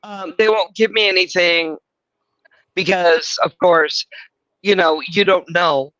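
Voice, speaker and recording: A woman's voice: lowish voice, steady tone, slow, fairly bright tone, no room sound, muffled recording. A middle-aged woman hosting a livestream, rambling and crude, mocking herself as she chats. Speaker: livestream host. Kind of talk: casual livestream chat.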